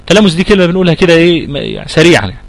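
A man's voice: on the high side, big pitch swings, creaky, low-quality recording. Patient Egyptian man teaching recitation. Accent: Egyptian Arabic. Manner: patient, repeats points and sounds out letters slowly. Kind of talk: tajweed lesson answering student questions.

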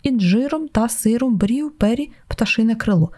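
A woman narrating an audiobook in a steady, lightly ironic reading. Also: fairly high pitch, moderate pace. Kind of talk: scripted narration.

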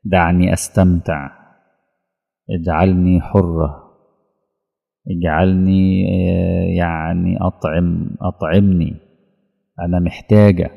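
A man's voice: low-pitched, level tone, measured pace, vocal fry, pauses often, big-room sound, phone-quality sound, heavily acted. A man with an Egyptian accent voicing a starved female soul who pleads, in a religious lesson. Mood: pleading. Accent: Egyptian Arabic.

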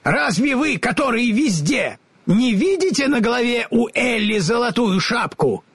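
A man reading a storybook, voicing a male scarecrow who is bold and shouts in fury. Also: very high-pitched, big pitch swings, unhurried, slightly rough, no echo, pitched above the performer's own voice, exaggerated voice. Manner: furious shouting.

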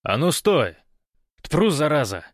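A man's voice: on the high side, big pitch swings, slow, no room sound, clean studio sound, pitched above the performer's own voice, full character voice. A man voicing an angry, threatening gang leader in an audiobook. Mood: shouting.

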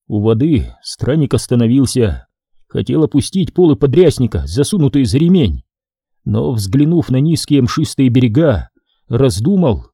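Field: expressive male audiobook narrator. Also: medium pitch, slightly rough, dry recording, clean studio sound. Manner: expressive, measured storytelling.

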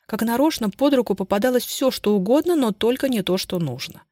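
Measured woman narrating a detective novel. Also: a little high, lively intonation, warm tone, no echo. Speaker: audiobook narrator.

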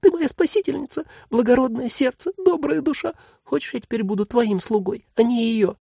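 Tiny scared demon cloud, squeaky and whiny, begging, storybook reading. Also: male voice, brisk, creaky, dark tone, slightly rough, dry recording, studio quality, full character voice. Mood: fawning. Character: small frightened male demon cloud, pleading.

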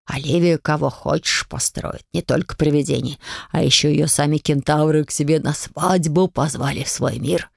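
A woman's voice: low voice, steady tone, normal speed, gravelly, husky, no echo, clean studio sound, full character voice. A woman voicing a bossy, boastful male familiar who teases and gives advice. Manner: teasing, bossy.

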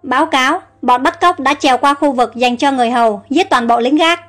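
Palace soldiers give formal, urgent reports to the king, as read by a woman. The voice is high, over faint background music. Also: fairly quick, fairly bright tone.

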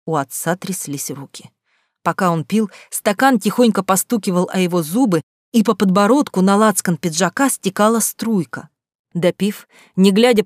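A woman narrating an audiobook in the first person with a steady storytelling manner. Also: medium pitch, no room sound, studio quality.

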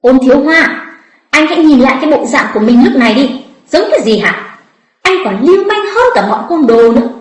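A woman's voice: sits high, expressive, fast, echoey room, poor audio. A woman voicing a proud, dignified young woman who rebukes sternly in an audiobook story. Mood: indignant. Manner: stern, indignant.

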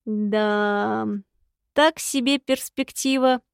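A gloomy long-eared male imp who grumbles and sighs through every reply, as a woman reads him in an audiobook. The voice sits fairly high, recorded dry and close with no room sound. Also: moderate pace, a little mellow, dry recording, natural voice. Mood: grumbling. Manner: grumbling, sighing. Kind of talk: audiobook reading.

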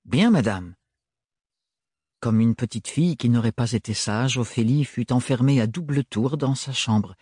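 A male narrator reads a novel in a measured, even way, with a husky, breathy voice at a mid pitch. The sound is dry and close, with no room sound. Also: no room sound. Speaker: audiobook narrator. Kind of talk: scripted narration.

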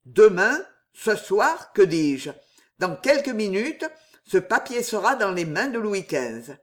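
A man's voice: sits high, big pitch swings, slow pace, heavily acted. A man voicing a stern older superior of a religious order who threatens and lectures in a cold, commanding way. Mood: menacing.

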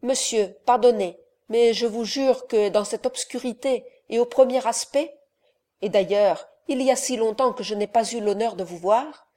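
A woman reading the part of a young son who answers politely and softly, taken by surprise. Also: on the high side, moderate pace, close to an everyday voice. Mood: polite, surprised. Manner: polite and soft-spoken. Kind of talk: audiobook character reading.

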